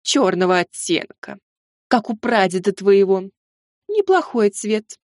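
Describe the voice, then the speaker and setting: A woman's voice: medium pitch, very animated, unhurried, a little mellow, no echo, studio quality. A woman voicing a stern, commanding old great-grandmother who scolds in a cold manner.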